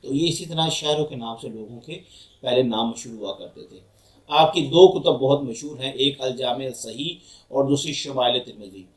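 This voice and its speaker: A man giving a university lecture as a professor, telling stories and repeating phrases for emphasis. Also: medium pitch. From Pakistan.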